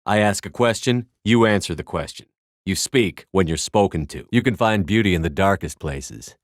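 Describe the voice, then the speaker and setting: A man's voice: deep voice, expressive, moderate pace, no echo. A man voicing a tough, commanding military starship commander in a video game, with a terse, authoritative, dry delivery. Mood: cool, threatening.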